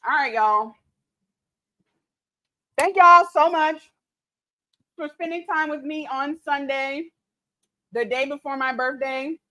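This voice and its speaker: A cooking livestream host in her late thirties takes it slowly and pauses often, her slightly high, drawling voice sounding pushed and bright. Tipsy from mimosas, she chats in an easygoing way, laughing often and reading viewer comments aloud.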